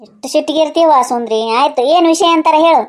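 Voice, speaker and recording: Woman doing a calm auntie, quick highish voice. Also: close to an everyday voice. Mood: soothing. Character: motherly middle-aged aunt, gentle and calming.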